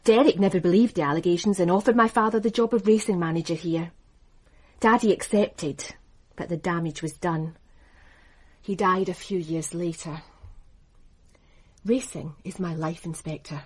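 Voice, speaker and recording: Here the actress uses a lowish, darkish voice at a moderate pace with long pauses. Playing the poised head of a racing business in a radio drama, she sounds cool, dry, composed and crisply sure of herself, with a cutting quality.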